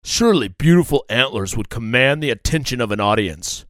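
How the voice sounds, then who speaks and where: Male reader as a questioning eagle: plain, mid-pitched, quiet. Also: expressive, a little fast, dry recording, studio quality, lightly acted. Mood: doubtful. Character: doubtful male eagle praying.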